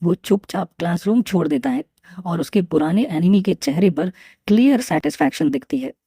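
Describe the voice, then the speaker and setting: Husky, gravelly woman narrating a story. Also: lowish voice, no room sound, studio quality. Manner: steady storytelling delivery. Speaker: manhwa recap narrator.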